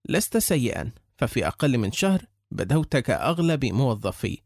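A man voicing a calm, measured rich businessman. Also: mid-range voice, no echo, clean studio sound. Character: calm, shrewd wealthy older businessman. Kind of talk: audiobook character reading.

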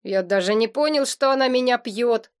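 A woman's voice: fairly high pitch, normal speed, lightly acted. A woman voicing a naive, cheerful young male demon who talks eagerly and sheepishly, in an audiobook reading.

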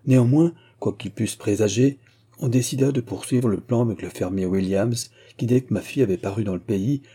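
A man narrating a classic novel as an audiobook in a measured, literary way. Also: on the low side, warm tone, slightly rough. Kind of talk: scripted narration.

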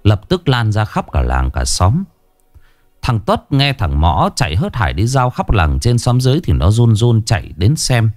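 A man reads a ghost story with an expressive, animated delivery. His pitch rises and falls a lot as he tells it. The recording is close and dry with no room sound. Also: moderate pace, no echo, soft background music.

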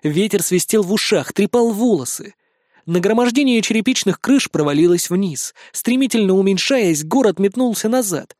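A man narrating a fantasy audiobook in an expressive, dramatic reading style. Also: sits high, dry recording, studio quality.

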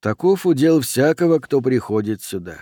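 A man voicing a calm, mysterious milkman who speaks in a measured, slightly ironic way. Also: mid-range voice, no room sound, studio quality. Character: calm mysterious male milkman, faintly mocking.

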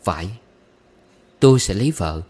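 A man narrating a short story as an audiobook, wistful and gently humorous, slipping into recited verse. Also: low-pitched, expressive, normal speed.

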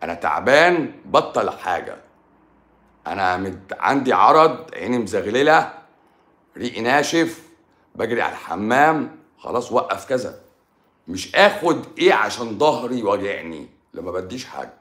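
A man's voice: on the low side, very animated, normal speed, fairly bright tone, reverberant. A man with an Egyptian Arabic accent talking casually on a livestream as a doctor answering viewers, blunt and teasing, sometimes dropping to a mutter. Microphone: livestream microphone.

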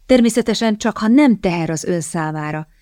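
A woman's voice: medium pitch, expressive, warm tone, no room sound, clean studio sound, close to an everyday voice. A woman reading the lines of a shrewd, charming young lady in an audiobook, polite and calculating. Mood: sweetly scheming.

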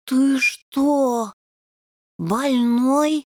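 A woman voicing a young male plasticine imp, a meek pacifist, talking hesitantly and slowly. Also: sits high, a little mellow, no room sound, studio quality. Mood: timid.

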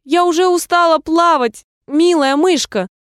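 A woman's voice: very high voice, unhurried, no echo, studio quality, voice pushed up. A woman voicing a polite, curious little girl who chatters earnestly and apologizes often.

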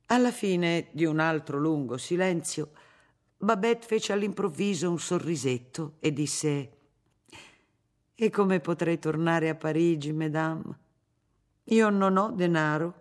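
Measured literary audiobook narrator. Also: mid-range voice, darkish tone. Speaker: audiobook reader.

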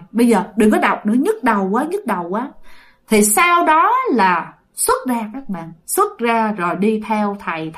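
A woman telling ghost stories, chatty, with many fillers and often addressing the listeners. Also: mid-range voice. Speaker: storyteller. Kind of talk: ghost story narration.

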